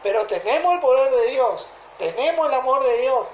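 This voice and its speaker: A woman with a Rioplatense Argentine accent preaching a sermon in a deliberate way, often stopping to ask whether listeners follow. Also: high-pitched, lively intonation, lo-fi sound, a little hiss or hum. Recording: echoey room.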